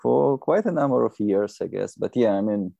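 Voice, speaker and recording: A man in his thirties from Belarus with a Belarusian accent, a non-native English speaker chatting as a podcast guest in a halting, rambling way. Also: lowish voice, animated, vocal fry, mellow, dry recording, highs cut off. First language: not English. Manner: halting, rambling, often saying "you know". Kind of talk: casual conversational interview.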